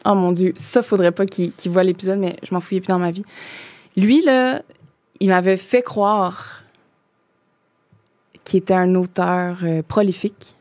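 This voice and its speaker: On a podcast, a Quebec woman in her thirties talks casually in a lowish, darkish voice at a measured pace, leaving long pauses. No echo is heard, and her Québécois French-accented speech is loose, packed with fillers and restarts.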